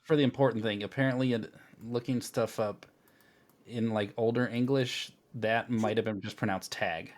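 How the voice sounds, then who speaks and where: A man's voice: mid-range voice, steady tone, normal speed. A man co-hosting a casual card game podcast who talks hesitantly and often starts his sentences over. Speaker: podcast co-host. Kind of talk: casual gaming chat.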